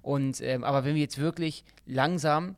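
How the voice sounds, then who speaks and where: Guy cohosting a podcast, rambly, lots of uh and restarts, kinda high voice, dry sound. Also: fairly even intonation, normal speed, no echo. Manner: rambling, many restarts and fillers. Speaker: podcast co-host. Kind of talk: casual bickering chat.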